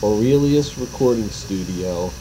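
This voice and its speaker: Announcer part: man with a lowish voice, measured formal read, off an old hissy disc recording. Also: animated, dark tone, rough recording. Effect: old 1950s studio disc recording. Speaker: studio announcer.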